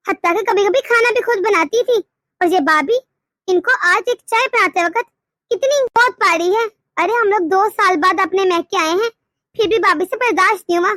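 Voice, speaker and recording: A woman's voice: very high-pitched, fairly bright tone, no echo, clean studio sound. A woman voicing a grumbling, accusing sister-in-law in a cartoon story.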